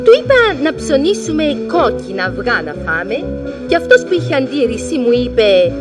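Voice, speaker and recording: An actress playing a chatty middle-aged housewife who tells of a marital squabble in half-sung comic verse. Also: female voice, high voice, very animated, over loud music. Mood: complaining. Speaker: singing comic storyteller. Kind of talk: old-time comic revue with songs.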